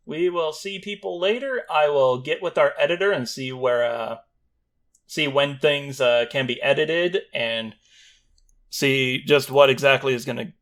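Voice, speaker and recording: A man with a mid-pitched voice runs a tabletop game. He speaks as its game master. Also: fairly bright tone. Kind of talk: scripted scene narration, then casual chat.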